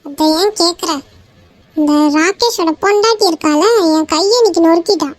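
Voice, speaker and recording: A woman's voice: very high-pitched, normal speed. A woman voicing a young office woman in a cartoon, complaining and gossiping animatedly. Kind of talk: Tamil cartoon voice acting.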